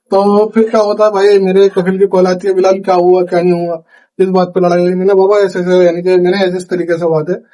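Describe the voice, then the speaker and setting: Young Indian man, high voice, chatty storyteller vlogging from his kitchen at night. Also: fairly quick. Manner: chatty, animated retelling with quoted dialogue. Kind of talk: casual storytelling vlog.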